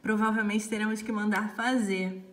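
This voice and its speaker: A young woman, a bride, chats casually for her vlog, giggly and animated and laughing often. She speaks at a medium pitch and moderate pace.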